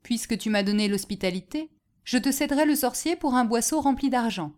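A cunning peasant trickster, voiced by a woman telling a fairy tale, calm and sly. His lines lift a little above her reading voice, lively in pitch. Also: a little fast, close to an everyday voice.

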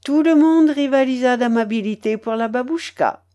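A woman narrating an audiobook in a slow, expressive storytelling manner. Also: high voice, lo-fi sound.

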